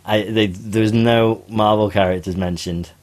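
A young man hosts a casual chat in a very low voice. He is talkative and teasing and often stumbles over repeated words as he restarts. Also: fairly even intonation, measured pace, a little mellow. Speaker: podcast host.

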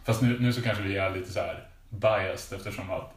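A man's voice: low voice, far from the mic. A man, co-hosting a podcast in casual chat and dropping dry, joking asides. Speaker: podcast co-host. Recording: roomy, set back from the mic, faint noise.

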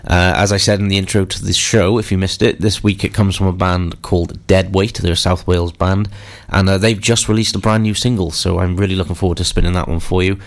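Deep-voiced man with a stuffy nose. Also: steady tone, a little fast. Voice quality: nasal, bunged-up stuffy nose. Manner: informal, chatty. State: congested with a cold. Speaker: radio show host. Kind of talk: casual rock radio presenting.

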